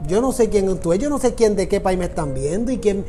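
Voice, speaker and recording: A Puerto Rican pastor with a Puerto Rican Spanish accent preaches a sermon on prayer in a high, animated, brisk voice with a dark tone. He's earnest and repetitive, addressing listeners directly, while soft music plays in the background.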